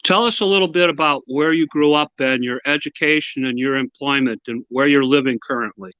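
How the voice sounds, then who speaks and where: Host guy asking short questions, bright edgy voice, dull dry call sound. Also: mid-range voice, brisk, smooth, dry recording. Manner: brief prompting questions. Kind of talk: live online interview.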